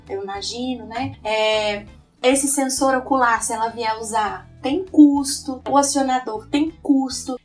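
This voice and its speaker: A woman's voice: a little high, far from the mic. A woman educator with a Brazilian Portuguese accent, explaining her teaching methods in an earnest presentation, often tagging phrases with a questioning "né".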